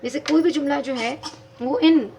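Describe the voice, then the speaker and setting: A woman's voice: high voice, normal speed, mellow, slight background noise. A woman teaching English grammar in a video lesson, patiently explaining step by step and spelling words out letter by letter.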